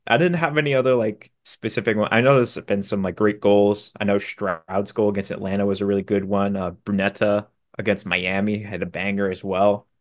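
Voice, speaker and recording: A man with a lowish voice co-hosts a casual soccer podcast. He talks in a relaxed way, full of fillers, and laughs easily. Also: a little fast, hardly any pauses. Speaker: podcast co-host.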